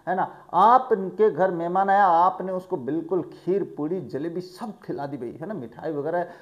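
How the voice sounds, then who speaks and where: A male teacher from Rajasthan, explaining an English lesson in a lively way, asking questions and acting out vendor calls. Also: high-pitched, normal speed. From Rajasthan, India. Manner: lively, asks the class questions and acts out street vendor calls. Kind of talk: bilingual classroom explanation of an English chapter.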